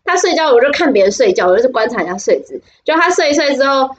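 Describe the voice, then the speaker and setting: Speaking fast and very animatedly in a high voice, this young podcast co-host has a Taiwanese Mandarin accent. Her casual storytelling is giggly and meandering, with lots of restarts, and the recording's highs are cut off.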